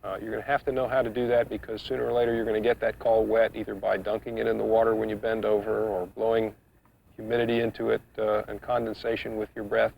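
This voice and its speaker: A man giving an instructional demonstration, explaining each step in a measured, practical way. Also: on the low side, little pitch movement, vocal fry, slight background noise. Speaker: duck calling instructor. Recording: muffled, dull 1990s instructional video sound.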